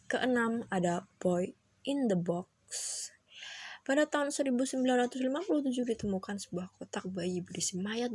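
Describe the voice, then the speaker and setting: A woman's voice: medium pitch, darkish tone, no room sound. A woman hosting and reading scripted narration for a mystery countdown. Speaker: host of a true-crime countdown channel.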